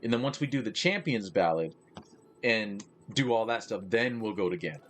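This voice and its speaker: A man's voice: fairly low pitch, expressive, normal speed. Rambling man streaming a game. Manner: rambling, with many fillers and restarts. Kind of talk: casual live gaming chat.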